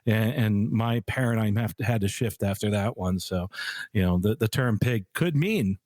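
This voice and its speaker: A man who is an airline pilot, telling stories as a podcast guest in a lively, laughing manner. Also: lowish voice, moderate pace, dry recording. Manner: animated anecdote-telling, laughs easily. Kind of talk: casual storytelling interview.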